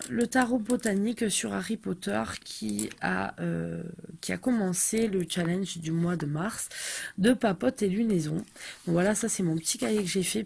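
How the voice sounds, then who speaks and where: A woman's voice: mid-range voice, creaky, darkish tone, a little hiss or hum. A woman in her thirties chatting casually through a tarot deck review, hesitant and full of fillers.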